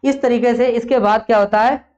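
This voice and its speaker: A woman's voice: fairly even intonation, brisk, dull audio. Woman teacher quizzing and answering herself. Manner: asks questions and answers them herself, drops low and soft on the answers. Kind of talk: classroom grammar lesson.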